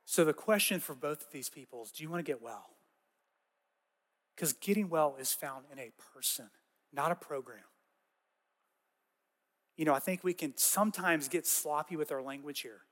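A man giving a conversational sermon as pastor, with casual, animated storytelling and frequent asides. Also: a little high, normal speed, pauses often, big-room sound.

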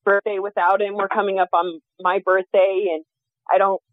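A woman's voice: mid-range voice, level tone, moderate pace, no echo. Hesitant woman caller on a phone line. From USA. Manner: hesitant, with frequent ums. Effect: heard over a phone line. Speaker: radio show caller.

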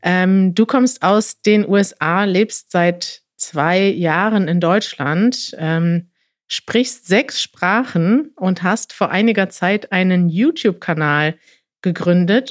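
A woman hosting a podcast, asking her guest questions in a measured, friendly way with a few fillers. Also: on the low side, no room sound, clean studio sound. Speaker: podcast host. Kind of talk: podcast interview.

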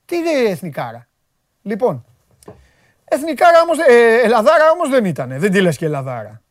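A man hosting a sports talk show, chatting in an animated, joking way, his voice jumping high when he gets worked up. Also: dry recording, studio quality. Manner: excitable, jokey, voice jumps high when worked up.

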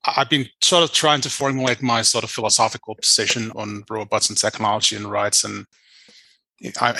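Male panelist, low gravelly voice, flat delivery, hesitant restarts, dry sound. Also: dry recording, poor audio. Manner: hesitant, thinking aloud with restarts. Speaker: computer science panelist. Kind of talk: panel discussion.

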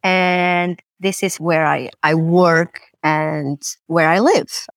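A woman, a podcast guest who speaks thoughtfully, pausing and repeating words. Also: on the low side, no room sound, clean studio sound. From Portugal. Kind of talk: podcast interview.

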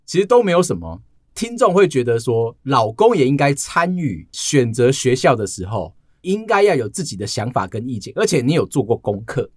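A man co-hosts a podcast, telling stories in an animated, casual way. His pitch moves a lot. The recording is dry and close. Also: normal speed, dry recording. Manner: storytelling, animated. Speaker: podcast co-host. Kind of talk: casual chat.

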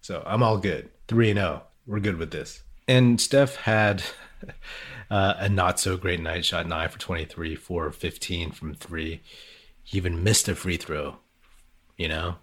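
Deep raspy-ish guy chatting casually about sports on his podcast, loose fan talk. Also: measured pace. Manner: conversational fan talk with loose, informal phrasing. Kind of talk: casual solo basketball commentary.

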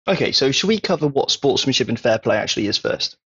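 A man's voice: medium pitch, very animated, quick pace, fairly bright tone, slightly rough, muffled recording. A man from Wiltshire, England, with a Wiltshire accent, co-hosting a casual podcast and explaining his views while often checking in with "okay?". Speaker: podcast co-host.

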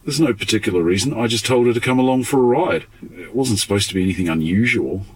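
A man, giving testimony in an archival police interview, halting and stumbling, with swearing. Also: lowish voice, slightly rough, dry recording, poor audio.

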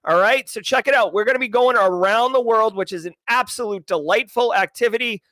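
A man hosting a daily livestream, talking casually and energetically to his chat with slang and shout-outs. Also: high voice, brisk, dry recording. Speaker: host.

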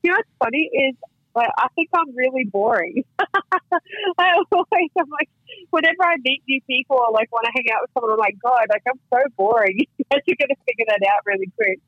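Australian woman, thirties, podcast guest; high, chatty voice, loose and profane; dry, slightly dull lo-fi sound. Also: lively intonation, brisk, breathy edge, no room sound. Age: 30s. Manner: chatty, frequent "like" and "you know", casual swearing. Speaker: guest, professional fighter. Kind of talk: casual podcast chat.

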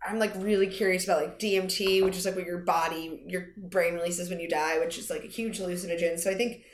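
Low lazy American woman with vocal fry. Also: steady tone, quick pace, slight background noise. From United States. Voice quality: deep voice. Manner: lazy, effortful-sounding drawl. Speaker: podcast guest. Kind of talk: casual chat. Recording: roomy echo.

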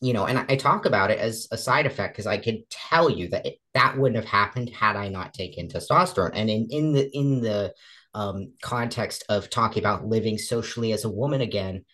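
Fairly quick and fairly bright in tone, a woman in her twenties with a somewhat deep voice chats as a guest in an interview. She plays out the things she quotes, stumbling through many fillers and restarts.

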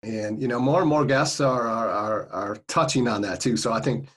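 A man's voice: medium pitch, moderate pace, a bit bright, breathy edge. A man hosting a podcast, chatting casually with a guest and using lots of fillers. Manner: friendly, many fillers like "you know" and "like". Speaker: podcast host. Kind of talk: casual interview chat.

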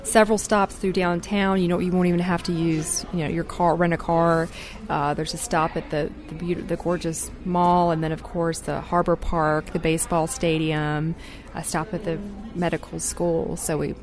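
A woman's voice: fairly low pitch, steady tone, normal speed, soft background music. A woman guest on a radio travel interview, talking enthusiastically with many fillers and restarts. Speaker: tourism representative guest.

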